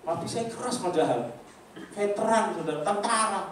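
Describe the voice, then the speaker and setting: Older guy preaching, storytelling, high voice swinging all over, faint room noise. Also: normal speed. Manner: lively storytelling, acts out voices, congregation asides. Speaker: pastor. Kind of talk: sermon testimony. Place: church hall. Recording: echoey hall from far off.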